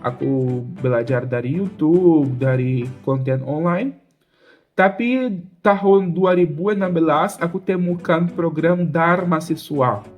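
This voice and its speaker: Speaking slowly, a young adult Brazilian vlogger tells a casual story in a second language, using simple, repetitive phrasing and a Brazilian Portuguese accent. His voice is on the high side, the recording sounds muffled, and soft music plays underneath.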